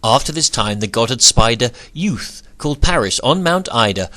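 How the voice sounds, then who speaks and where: A man narrating a rhyming storybook retelling in a measured, expressive way. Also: medium pitch. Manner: measured, expressive verse reading.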